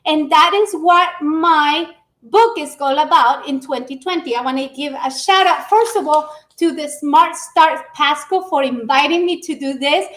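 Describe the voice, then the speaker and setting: A middle-aged woman from Ecuador giving an energetic business presentation on a livestream, greeting the audience warmly. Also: high voice, a little slow. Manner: energetic, warm greetings to the audience, spoken with restarts. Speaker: public speaker. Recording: echoey room.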